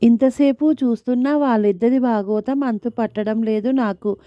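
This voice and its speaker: A woman narrating a story in the first person, in a steady, reflective storytelling manner. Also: fairly high pitch, moderate pace, no room sound, dull audio.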